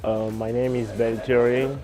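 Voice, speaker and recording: A man from Maryland giving a halting testimonial as a seminar student, often repeating words as he goes. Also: medium pitch, little pitch movement, over music. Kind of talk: testimonial interview.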